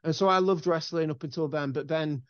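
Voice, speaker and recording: A man's voice: fairly high pitch, a little fast, clear, resonant tone, dry recording. Chatty man in his forties, dull sound. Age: 40s. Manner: enthusiastic, rambling storyteller. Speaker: guest musician. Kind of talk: casual interview chat.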